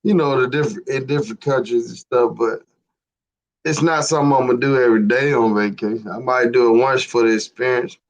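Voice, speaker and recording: A man with an average-pitched voice hosts a casual conversation. He talks in a laid-back, slangy way. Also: steady tone, brisk, lo-fi sound. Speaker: show host. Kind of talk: casual chat.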